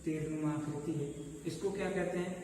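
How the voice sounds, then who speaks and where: A man's voice: on the high side, fairly even intonation, normal speed, mellow. A male maths teacher giving a conversational lecture at a board, checking in with his students often. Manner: conversational, keeps checking in with "okay". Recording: echoey room, mic far off, faint noise.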